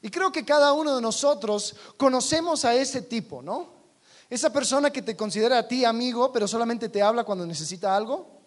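A man preaching a sermon in a conversational way, asking his listeners many rhetorical questions and dropping to a quiet voice on key points. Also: extremely high pitch, lively intonation, brisk.

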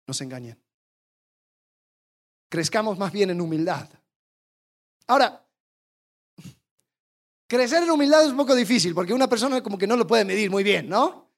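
A preacher delivering a sermon, animated, asking the congregation rhetorical questions and acting out the attitudes they describe. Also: medium pitch, normal speed, pauses often. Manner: animated, acts out quoted attitudes.

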